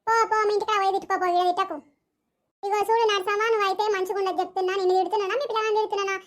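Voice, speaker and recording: Woman doing a quarrelsome old village woman, Telangana Telugu accent, very fast, very high voice, scolding. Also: flat delivery. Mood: angry. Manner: scolding, rapid-fire bickering. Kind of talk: village comedy sketch.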